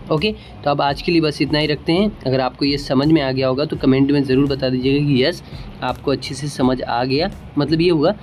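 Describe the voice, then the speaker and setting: A man with an Indian accent teaching English grammar in a casual spoken lesson, patiently explaining and repeating example sentences slowly. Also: mid-range voice, slight background noise.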